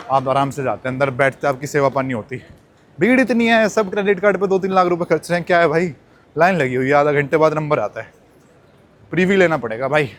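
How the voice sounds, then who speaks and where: A young man vlogging casually as he walks through a busy airport, talking straight to his viewers like friends. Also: medium pitch. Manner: chatty, addresses viewers as brothers. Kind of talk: casual vlog chat.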